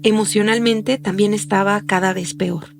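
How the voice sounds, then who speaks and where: Woman, podcast narrator, measured and explanatory, raspy fry in the voice. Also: mid-range voice, steady tone. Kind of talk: scripted documentary narration. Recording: faint music behind the voice.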